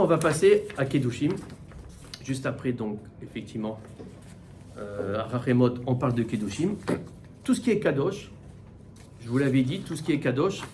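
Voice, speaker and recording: Middle-aged male rabbi, Torah class; animated, repeats himself, rhetorical questions, slightly raised pitch. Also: slight background noise. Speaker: rabbi teaching the weekly portion. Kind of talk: Torah class, spoken teaching.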